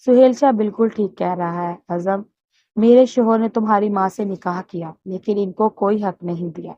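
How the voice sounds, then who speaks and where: A woman's voice: mid-range voice, mellow, a little hiss or hum, lightly acted. A woman voicing a wronged middle-aged mother who speaks firmly and earnestly, in a dull, muffled recording.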